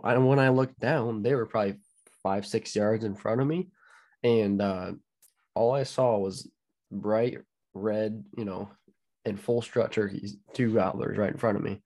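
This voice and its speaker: Man, co-host, lowish voice, chatty and hedging, lots of "you know.". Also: darkish tone. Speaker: podcast co-host. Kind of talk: casual storytelling.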